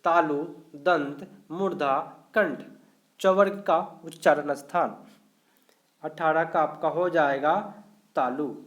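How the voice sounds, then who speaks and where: A man teaching a live online grammar class, going through each question slowly and explaining every answer step by step. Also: on the high side. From India.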